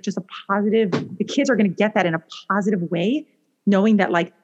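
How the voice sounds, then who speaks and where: Chatty rambling woman, slightly dull audio. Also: mid-range voice. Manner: animated, rambling, with many restarts and fillers. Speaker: guest author. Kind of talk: casual podcast conversation.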